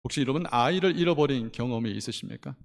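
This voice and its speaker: A middle-aged man from Korea preaching a sermon as pastor, swinging from loud passionate appeals to hushed storytelling. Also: mid-range voice, fast, creaky. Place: church sanctuary. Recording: long church hall reverb.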